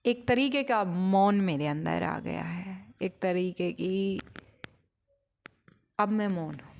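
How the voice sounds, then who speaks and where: A woman giving a reflective spiritual talk, speaking in short, unhurried phrases with pauses and sometimes telling a story with gentle amusement. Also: lowish voice.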